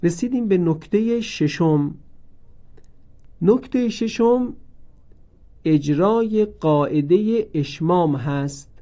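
A man's voice: high-pitched, lively intonation, pauses often, mellow. A man teaching the rules of Quran recitation in a recorded lesson, explaining each rule step by step and repeating every example so listeners can practise.

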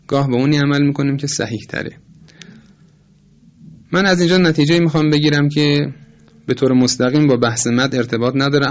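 A man giving a recorded lesson on Quran recitation, speaking in a measured, polite way and sounding out vowels to demonstrate them. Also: mid-range voice. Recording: dull lo-fi recording.

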